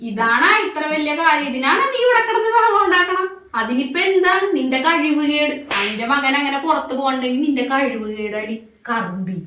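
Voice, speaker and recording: A woman's voice: sits high, expressive, normal speed, sharp tone. Woman playing a sneering mother-in-law. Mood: scornful. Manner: sneering, calls her daughter-in-law names. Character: scornful older mother-in-law, harsh and taunting. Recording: echoey room, voice off-mic.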